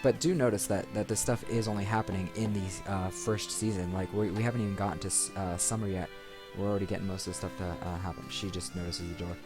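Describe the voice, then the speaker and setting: Hosting a let's play, a man rambles casually and thinks aloud into a desk microphone, offering relaxed gaming commentary. His voice sits low and steady, and he talks fast with hardly any pauses. Video game music plays behind him.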